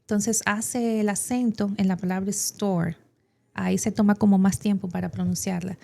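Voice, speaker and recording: Dominican woman explaining at a steady pitch. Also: moderate pace, vocal fry. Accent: Dominican Spanish. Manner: explanatory, uses many examples and fillers. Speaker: English teacher. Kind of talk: explaining in an educational podcast.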